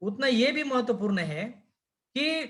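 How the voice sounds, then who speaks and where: A man's voice: extremely high pitch, lively intonation, measured pace, a bit bright. A man teaching a class on speaking skills, asking students questions and modeling pronunciations.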